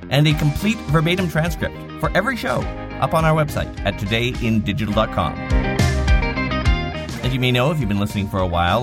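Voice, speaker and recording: A man hosting a daily digital marketing news podcast, reading the stories with wry, dry asides. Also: medium pitch. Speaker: podcast host.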